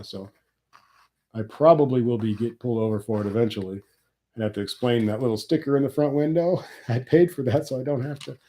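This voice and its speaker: A Nebraska man in middle age, stuffed up with a cold, hosts a livestream and grumbles wryly about taxes as he rambles on to his viewers. His voice sits in the mid range and has a dark tone.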